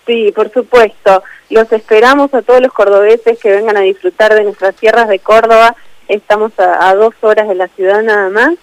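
A woman with an Argentine accent, a tourism official answering questions in a radio interview, speaking in a measured way with many fillers. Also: medium pitch, fairly even intonation, clear, resonant tone, no echo, low-quality recording. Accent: Argentine Spanish.

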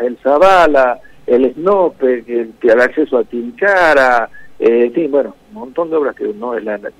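A man's voice: medium pitch, slightly rough, no room sound. A man from Argentina with an Argentine accent, a provincial minister answering radio interview questions by phone, often hesitating and repeating words before listing items with emphasis. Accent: Argentine Spanish. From Jujuy, Argentina. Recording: tinny phone line, dry.

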